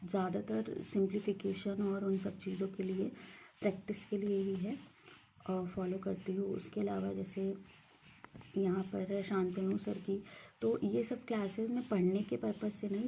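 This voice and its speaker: A young woman with a very dark, gravelly voice and a flat, even delivery. She gives a casual screen-share walkthrough of her study resources, mixing English words into her Hindi and pausing often on hesitation fillers. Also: medium pitch, slight background noise. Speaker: banking exam aspirant sharing study resources.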